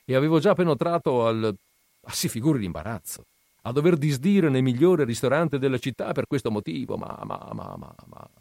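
A man voicing a pompous, quick-tempered wine magnate who bursts into shouted dialect insults. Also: mid-range voice, expressive, no echo, studio quality, voice pushed up. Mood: pompous indignant. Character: irate pompous male wine magnate, middle-aged.

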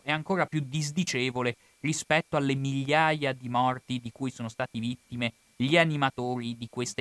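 A man with an Italian accent giving a formal, measured spoken account of history, now and then correcting himself mid-phrase. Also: medium pitch, a bit bright, no echo. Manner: measured, formal delivery with occasional self-corrections. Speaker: history lecturer.

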